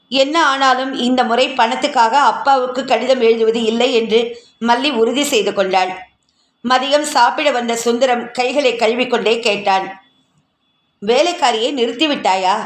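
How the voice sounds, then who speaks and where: A woman reading a short story aloud in steady narration, heard in a roomy recording. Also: a little high. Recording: roomy echo.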